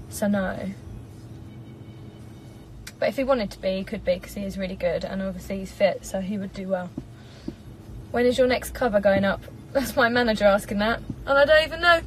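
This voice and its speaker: English woman in her twenties, bubbly live-stream chat from her car, mid pitch, faint hiss. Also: fairly quick, poor audio. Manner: chatty, bubbly, giggly. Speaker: singer doing a live stream. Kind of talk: casual live-stream chat reading comments. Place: parked car. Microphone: phone propped up in front.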